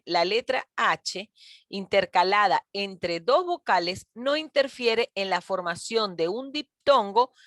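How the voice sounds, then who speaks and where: A woman's voice: medium pitch, a bit bright, no room sound, clean studio sound. Patient woman teaching grammar online. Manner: patient, calls pupils "mis niños" and "chicos", often checks with "¿ok?". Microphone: computer mic on a video call.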